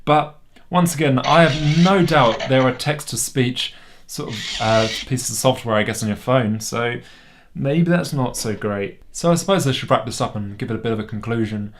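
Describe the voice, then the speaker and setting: A man's voice: mid-range voice, moderate pace, noisy background. A man with a British accent giving a casual, sceptical toy review at home. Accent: British English. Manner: sceptical, wry and conversational.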